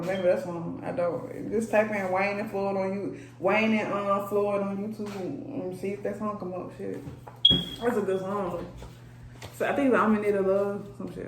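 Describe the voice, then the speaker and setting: A woman's voice: mid-range voice, a little mellow. A woman giving a casual tarot reading to her viewers, blunt, profane and chatty as she talks straight at them. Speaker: energy reader. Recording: roomy echo, faint background noise.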